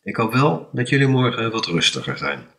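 A man's voice: medium pitch, big pitch swings, normal speed, vocal fry, fairly bright tone, recorded from a distance. A man voicing a strict, impatient schoolteacher addressing his class. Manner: stern, scolding.

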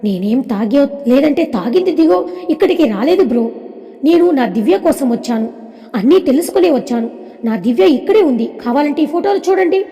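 A woman's voice: high-pitched, expressive, moderate pace, mellow. A woman voicing a devoted young man who talks earnestly and pleadingly about his missing fiancée, in a storybook with long reverb. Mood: insistent.

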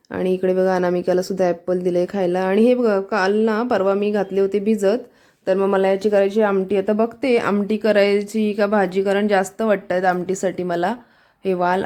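A woman's voice: mid-range voice, mellow. A woman chatting casually to her viewers in a home vlog, filming around her house and calling out coaxingly now and then. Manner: chatty, talks straight to viewers; coaxing calls in a raised voice. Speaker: family vlogger. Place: home kitchen and hall.

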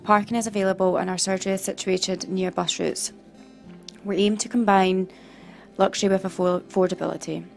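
A woman's voice: medium pitch, level tone, fairly quick, vocal fry, soft background music. A woman reading a clinic advert script, working through long lists and stumbling over a few words. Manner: reads a list-heavy script with small stumbles. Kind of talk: read-out advert.

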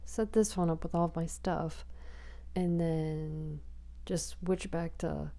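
A woman chatting softly for ASMR on a small close microphone, rambling, whispery and giggly. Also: low-pitched, little pitch movement, slow, gravelly. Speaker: ASMR creator. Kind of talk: soft-spoken ASMR chatting.

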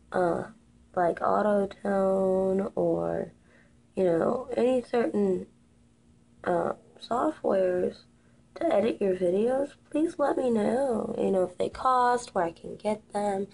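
Creaky and warm, her medium-pitched voice comes through poor audio from a built-in webcam mic at arm's length in a small room. The makeup vlogger, in her twenties and sniffly from a cold, keeps up a chatty, offhand, self-deprecating commentary through her tutorial.

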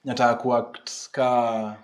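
A man in his thirties with a Kenyan accent, a guest actor chatting relaxed in a small studio, switching between English and Sheng and laughing often. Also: medium pitch, slow pace. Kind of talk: casual interview chat. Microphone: studio mic on boom arm.

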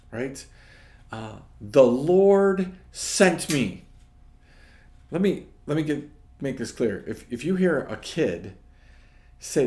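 A man giving a casual nightly devotional talk as a pastor. He talks conversationally, keeps asking "right?", and swings between loud emphasis and hushed lines. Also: mid-range voice. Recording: echoey room.

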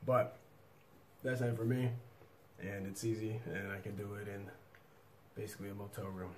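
A man's voice: lowish voice, little pitch movement, normal speed, background noise. A man in his thirties hosting a casual home cooking video, talking loosely and swearing now and then while he works at a desk in a small room. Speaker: cooking vlog host.

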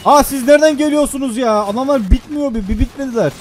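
A young man doing casual gameplay commentary, excitable and swearing, shouting at the game. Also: very high voice, fast.

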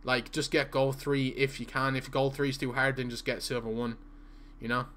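A young man with an Irish accent chats casually with live-stream viewers during play, reading their messages out and stuttering at times, in a small indoor room. His medium-pitched voice is a bit bright, level in tone and moderately paced, with slight background noise.

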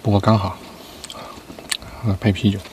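A man's voice: lowish voice, little pitch movement, a little slow, darkish tone, slight background noise. A man in his thirties chatting casually to camera between bites while eating inside a car. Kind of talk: casual mukbang chat.

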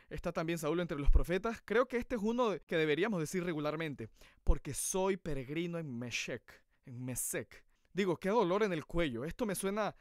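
A man's voice: fairly high pitch, dry recording, clean studio sound. A man preaching a sermon in an earnest, emphatic way.

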